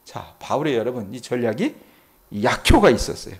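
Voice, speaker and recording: At normal speed but very animated, a middle-aged man preaches at a dawn service, expounding the Bible as a pastor. He poses questions to the congregation and answers them himself, acting out quotations with sudden pitch jumps.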